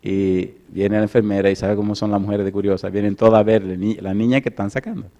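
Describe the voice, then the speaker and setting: Middle-aged male preacher, lowish voice, animated sermon storytelling with loud peaks and quiet asides. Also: fast. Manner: animated, swings from loud emphatic lines to soft storytelling.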